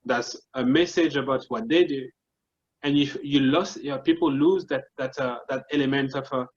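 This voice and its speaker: The recording is muffled, carrying a man's mid-range voice at a moderate pace. He's a marketing consultant with a Congolese French accent, giving casual explanatory answers as an interview guest, working through his ideas earnestly in steps and often beginning sentences again.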